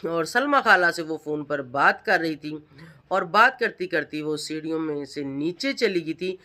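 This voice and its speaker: A middle-aged woman talks straight to her viewers in a reaction vlog. Her voice is bright and sharp-edged. She presses her points hard and fires off pointed questions. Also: low voice, expressive, a little slow. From Pakistan. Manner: emphatic, accusing, rhetorical questions. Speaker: vlogger.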